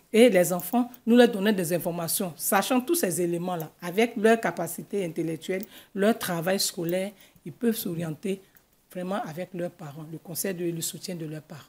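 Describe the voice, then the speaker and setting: A middle-aged woman with an Ivorian French accent, a school guidance counselor explaining things in a measured way in a TV studio interview. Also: fairly low pitch, a little mellow. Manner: measured, explanatory, gestures with her hands. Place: TV news studio. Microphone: desk microphone.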